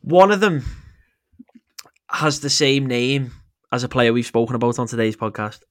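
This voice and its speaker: A man's voice: medium pitch, lively intonation, moderate pace, a bit bright. A man hosting a casual football podcast, chatty and laughing often as he quizzes his co-host.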